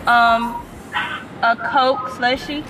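A woman, ordering food loudly from her car at a drive-through speaker, with hesitant ums. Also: fairly high pitch, fairly even intonation, very slow, noisy background. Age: 20s. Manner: loud, upbeat, hesitant with ums while ordering. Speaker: lifestyle vlogger. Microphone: phone camera inside the car.

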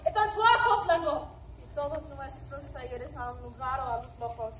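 A woman recites verse on stage in a measured, declamatory manner. Her voice sits high. She is heard from some distance, with room echo around her. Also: steady tone, a little hiss or hum. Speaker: performer reciting translations. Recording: echoey stage from far off.

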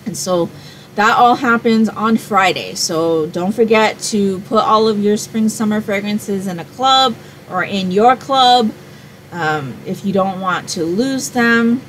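A woman in her forties chats to camera about her week, rambling and thinking aloud with plenty of fillers. Her voice sits at a middle pitch for a woman. A faint hiss of noise sits under the recording. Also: takes it slowly, low-quality recording. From Hawaii. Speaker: home fragrance vlogger. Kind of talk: casual chat to camera. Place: small room at home, indoors.

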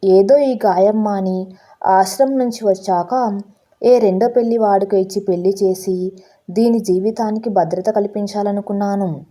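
A grieving, anxious middle-aged mother, as a woman storyteller puts her on, pleading and close to tears. Her voice is very dark and mellow. Every sentence leans on worry for her child. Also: medium pitch, close to an everyday voice.

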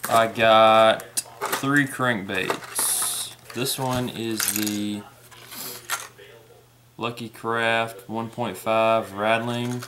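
A young man casually unboxing fishing tackle at a table indoors, unhurried, naming each item as he opens it. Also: lowish voice, steady tone, background noise. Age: young adult. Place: indoor room at a table with plants. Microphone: camera in front at table distance.

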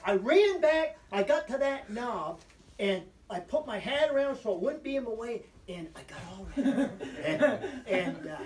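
A man's voice: high voice, distant mic, a little hiss or hum. A man telling a rambling hunting story, backtracking and restarting as he goes. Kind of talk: casual hunting tale told aloud. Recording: roomy sound from away from the mic.

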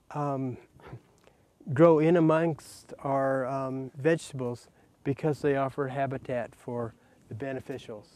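An older man, a farmer, giving a casual tour outdoors, speaking haltingly and often clearing his throat. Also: mid-range voice, a little mellow, no echo. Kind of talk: casual explanation on a farm tour. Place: outdoors in a garden and greenhouse.

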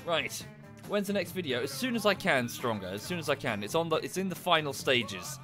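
Over music, a man with a fairly high, sing-song voice talks a little fast during a livestream from home. He's coming down with a cold and sounds a bit nasal and congested as he rambles casually, thanking viewers in passing.

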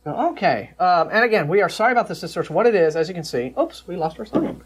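A man with a slightly high voice speaks as a talk show co-host. He talks casually and argues his opinions in a conversational manner, in a TV studio. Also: very animated, fast talker, slightly rough. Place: small TV studio.

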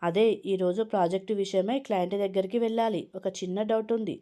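A woman's voice: mid-range voice, steady tone, fast talker, mellow, lightly acted. A woman reading a storybook aloud, voicing a young man's casual, puzzled questions. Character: casual young male office friend.

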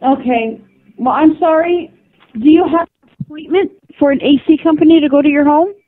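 A woman's voice: high voice, moderate pace. A polite, apologetic woman making a customer service phone call. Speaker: appointment caller for air conditioning company. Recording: tinny, band-limited telephone line.

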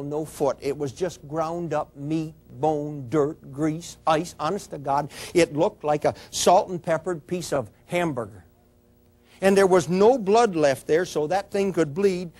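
A police officer giving an emotional talk to an audience, telling a story with repeated restarts and direct appeals to "people". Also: male voice, fairly high pitch, darkish tone.

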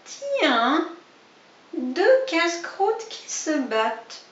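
A woman's voice: sits high, sing-song, very slow, pitched above the performer's own voice, heavily acted. A woman voicing a hungry, greedy male fox in a storybook reading, sly and growling. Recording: dull, roomy, distant recording.

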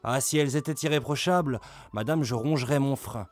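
A man voicing a brawny, furious medieval lord who speaks loud, coarse and vehement, with soft music behind. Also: mid-range voice, brisk, lightly acted. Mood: raging.

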